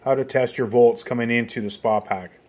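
A man's voice: medium pitch, steady tone, brisk, darkish tone, soft background music. A man giving a casual, practical, step-by-step how-to on testing a hot tub heater, recorded outdoors while he works with his hands. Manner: plain, practical step-by-step instructions. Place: outdoors beside a hot tub equipment bay.

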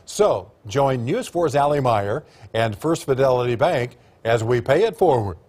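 Guy anchor in the news studio, kinda husky voice. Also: mid-range voice, expressive, measured pace, darkish tone.

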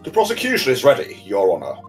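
A man voicing a cold, haughty male prosecutor in a game playthrough, speaking low and formally. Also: huge pitch swings, fast talker, music in the background. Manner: low, formal courtroom delivery.

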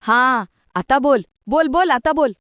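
Woman doing a shrill bossy lady. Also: a little slow, fairly bright tone, no echo, clean studio sound. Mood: excited, scolding. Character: loud bossy excited middle-aged woman.

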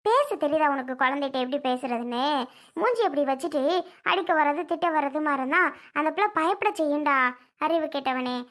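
A woman's voice: sits high, lively intonation, brisk, a bit bright. A woman playing an older grandmother who scolds her son and sweetly coaxes her granddaughter. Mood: scolding.

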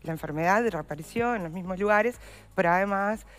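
Her medium-pitched, fairly bright voice moves at a fairly quick pace. The speaker is a woman with a Uruguayan Spanish accent, an endometriosis patient advocate appearing as an interview guest, offering earnest, explanatory replies with voseo.

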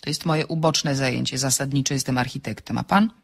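A woman's voice: very deep voice, fairly even intonation, fairly quick, creaky, breathy edge, heavily acted. An actress playing a dry, ironic woman architect in a radio drama, trading quips on the phone. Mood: wry. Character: wry, sharp-tongued woman architect.

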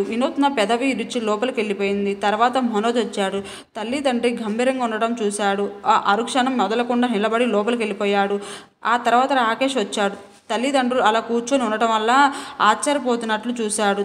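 A woman's voice: fairly high pitch, long reverb tail, a little hiss or hum. A woman reading a novel aloud, voicing all the dialogue in her own voice with small restarts. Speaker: novel reader.

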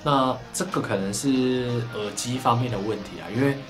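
A man with a Taiwanese Mandarin accent, hosting a casual gadget unboxing review, chatty and full of drawn-out particles, recorded on a camera microphone. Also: medium pitch. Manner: chatty, lots of drawn-out sentence-final particles. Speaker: tech reviewer host. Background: background music.

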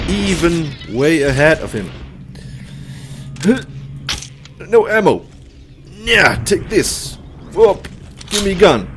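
Male gamer, thirties, highly animated delivery with slow pacing, casual exclamations over game sound. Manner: exclamatory, reacting in short bursts to play. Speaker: video game player and commentator. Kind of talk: casual let's-play commentary. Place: indoor room, seated at a computer.

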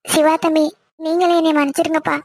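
A woman voices a nervous mother in an animated series. Her voice is very high and fast, with a flat, level delivery that keeps pleading. The sound is close and dry. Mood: apologetic. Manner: pleading and apologetic. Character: worried middle-aged village mother, timid of her husband. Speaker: cartoon voice. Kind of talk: Tamil cartoon voice acting.

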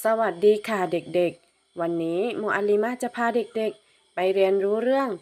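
A woman teacher leading a phonics lesson for young children, reading each syllable slowly and carefully. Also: mid-range voice, darkish tone. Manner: slow, drawn-out syllable-by-syllable reading.

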